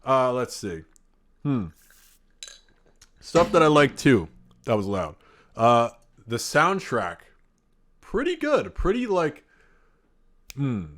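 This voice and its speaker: A man talks through a movie review in a loose, offhand way, swearing casually and wandering off on tangents. His voice sits at an ordinary middle pitch. The talk is an unscripted vlog, not a rehearsed read. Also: sing-song, slow pace, long pauses, fairly bright tone. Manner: rambling and profane, often sidetracked.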